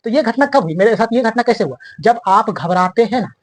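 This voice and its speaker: A man's voice: sits high, animated, fairly quick, no room sound. A man coaching students for an interview in a casual, chatty way, often checking that they follow. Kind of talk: casual instructive talk to students.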